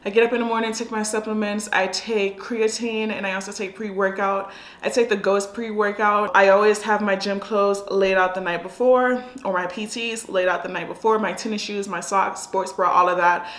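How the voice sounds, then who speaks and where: A woman's voice: mid-range voice, fairly even intonation, moderate pace, fairly bright tone. An American woman giving casual lifestyle advice in a chatty, conversational vlog style. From United States. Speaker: lifestyle vlogger. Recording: echoey room sound.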